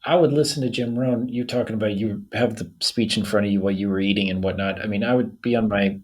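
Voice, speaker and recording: A man hosting a podcast, chatting in a relaxed way and telling stories with quotes. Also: lowish voice, quick pace. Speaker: podcast host. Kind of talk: casual interview chat.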